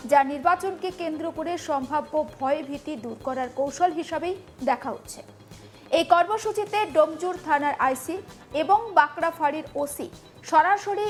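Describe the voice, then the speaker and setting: A woman news anchor, presenting a news report. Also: high-pitched.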